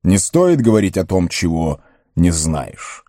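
A man voicing a grave, wise old male wizard who speaks in a measured way. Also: low-pitched, very animated, dark tone, no echo, studio quality, exaggerated voice.

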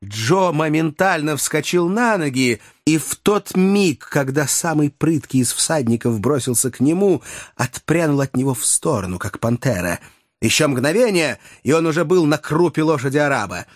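A man's voice: fairly high pitch, expressive, normal speed, no room sound, studio quality. Man narrating an adventure audiobook. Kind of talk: scripted narration.

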